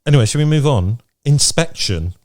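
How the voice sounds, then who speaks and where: This podcast co-host, a man recording remotely, keeps the conversation casual, frank and matter-of-fact. He talks a little fast in an animated mid-range voice that carries a darkish tone.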